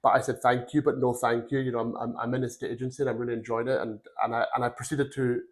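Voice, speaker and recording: A man in his forties, from Glasgow, telling his career story as a podcast guest. He rambles in an earnest way, with a voice of middling pitch for a man. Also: flat delivery, quick pace. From Glasgow, Scotland. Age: 40s. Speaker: podcast guest, recruitment firm founder. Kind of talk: casual career interview.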